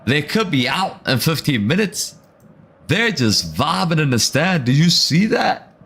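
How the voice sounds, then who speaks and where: A man's voice: a little high, sing-song, a little slow, creaky, fairly bright tone, slightly rough. A man hosting a live football watchalong, talking casually to his chat in slang and reading out viewer comments. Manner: reads out viewer comments between reactions. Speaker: watchalong stream host.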